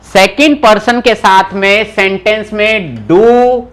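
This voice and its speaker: A young male language teacher with a high, very lively voice that swoops up and down. He takes his time and explains each word patiently, calls on students by name, and scolds them lightly when they forget the rules. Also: takes it slowly. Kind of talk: live online class teaching.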